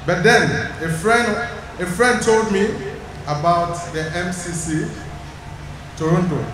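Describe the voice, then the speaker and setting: A man from Cameroon, giving a prepared personal testimony at a church service in a measured, deliberate way. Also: high-pitched. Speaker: congregant sharing a testimony. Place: large church sanctuary. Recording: echoey hall from far off, noisy.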